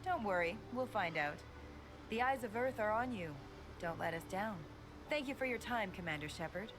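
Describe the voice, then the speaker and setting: Actress as a polished, probing reporter, steady voice with hiss behind. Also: female voice, mid-range voice, moderate pace, close to an everyday voice. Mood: needling. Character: pushy female news reporter, probing and needling.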